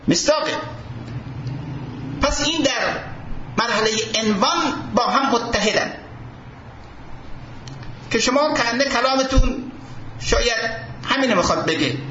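A man's voice: extremely high pitch, sharp tone. A man giving a seminary lecture, quoting Arabic texts and posing fill-in questions to his students. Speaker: seminary teacher. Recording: roomy dull recording with faint hiss.

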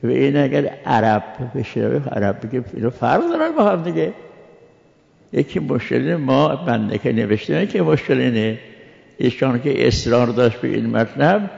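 Gravelly-voiced man lecturing. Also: mid-range voice, darkish tone. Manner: spells out Arabic letter sounds slowly, explanatory. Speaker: religious scholar teaching. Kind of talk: jurisprudence lecture. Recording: dull recording with long reverb.

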